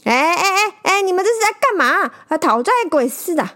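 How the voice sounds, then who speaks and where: A woman voicing an impatient, boisterous man who exclaims and complains loudly in a storybook tale. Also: sits high, big pitch swings, a little slow, voice pushed up, exaggerated voice. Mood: exasperated. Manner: loud, exclaiming, whiny complaints.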